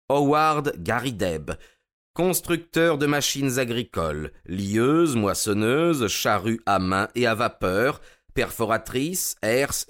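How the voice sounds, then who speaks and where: A man narrating a detective story in a steady, measured way. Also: lowish voice.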